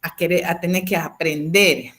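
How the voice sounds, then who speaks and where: A woman's voice: lowish voice, fairly even intonation, normal speed, fairly bright tone. A woman in her fifties, a teacher, tells a personal story over a video call, with many restarts and tag questions. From Peru. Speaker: teacher sharing a testimony. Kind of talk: personal anecdote in an online class.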